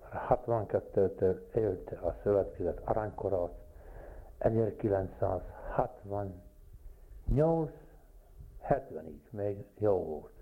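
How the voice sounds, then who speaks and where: Gravelly older man reminiscing, tinny recording. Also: fairly low pitch. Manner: plain-spoken storytelling, repeating phrases for weight. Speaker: interviewee recalling village life. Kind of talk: oral history reminiscence. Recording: tinny lo-fi recording with faint hiss.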